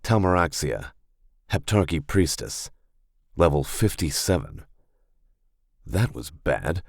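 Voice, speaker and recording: A man reading a fantasy game novel aloud as an audiobook narrator, in a steady, even manner. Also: a bass voice, takes it slowly, no room sound, clean studio sound.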